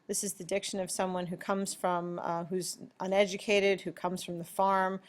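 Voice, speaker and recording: A woman teaching a poetry lesson, explaining lines in a deliberate, explanatory way. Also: on the low side, flat delivery.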